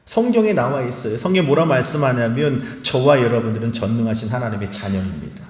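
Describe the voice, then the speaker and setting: A man's voice: medium pitch, lively intonation, fast, a little mellow. Fervent male pastor in a reverberant church hall. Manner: fervent preaching, questioning the congregation directly. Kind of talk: sermon at a Friday prayer meeting.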